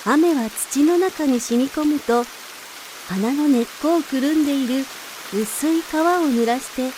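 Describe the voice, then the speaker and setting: A woman storyteller with a very high voice reads a children's fairy tale, delivering it as a scripted picture story for small listeners. She takes her time, and background noise can be heard.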